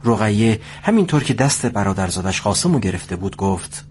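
A man narrating a scripted story at a steady pace. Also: fairly low pitch, a little hiss or hum.

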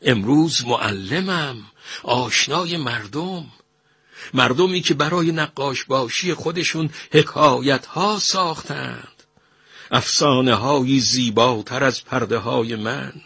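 A man voicing an elderly master painter who answers quietly and with dry defiance, husky-voiced. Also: mid-range voice, dry recording, voice pushed up, heavily acted. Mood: wry. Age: older. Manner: quiet, measured, dryly defiant. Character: elderly male master painter, calm and wry.

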